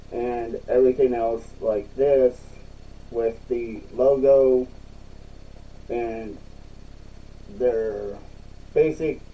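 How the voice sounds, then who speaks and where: Casting: male reviewer, very mellow dark tone, unhurried halting delivery, mic a bit far off. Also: medium pitch. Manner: halting, repeats himself. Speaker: product reviewer. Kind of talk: casual, unscripted online review.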